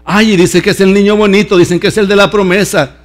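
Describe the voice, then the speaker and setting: A man's voice: sits high, steady tone, fast talker, close to an everyday voice. A man acting out a ten-year-old boy who bullies his little brother with mocking, singsong teasing.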